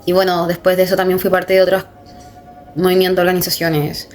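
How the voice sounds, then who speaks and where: A woman's voice: on the low side, monotone, fairly quick, a little mellow, soft background music. A young woman describing her activism steadily in an interview. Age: young adult. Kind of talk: interview testimony.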